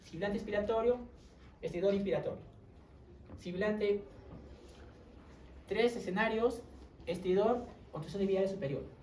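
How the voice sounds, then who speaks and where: A woman's voice: medium pitch, moderate pace, pauses often, dark tone. A woman gives a medical lecture and keeps checking in with her students through short tag questions. She is picked up from some distance in a reverberant classroom. A faint background hum runs under her voice. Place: lecture room. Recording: roomy classroom audio from far off.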